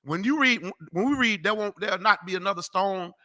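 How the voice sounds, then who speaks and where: Brief: profane street preacher, man, high, tense, cutting. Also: a little fast, bright, forceful tone. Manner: brash, profane, mocking, tells people off. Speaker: street preacher teaching a class. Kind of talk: loud street-corner Bible teaching.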